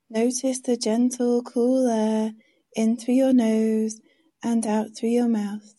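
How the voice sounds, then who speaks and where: A woman leading a guided meditation in a soft, soothing, hushed manner, giving gentle instructions. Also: a little high. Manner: slow, gentle instructions with pauses.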